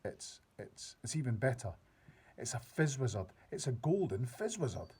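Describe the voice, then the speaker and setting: A man reading aloud, voicing an excitable big friendly old male giant who mangles his grammar and invents words. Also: medium pitch, fairly quick, husky. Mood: thrilled. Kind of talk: reading a children's book aloud.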